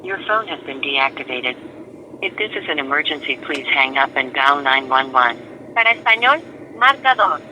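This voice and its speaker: A man's voice: medium pitch, animated, normal speed, sharp tone, slight background noise, low-quality recording. A man's voice on a recorded phone message, giving a formal, scripted announcement. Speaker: automated phone line voice.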